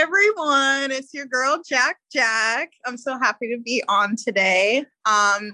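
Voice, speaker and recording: American girl guesting on a podcast, bright crisp tone, no room sound. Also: on the high side, no room sound, poor audio. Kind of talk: casual chat.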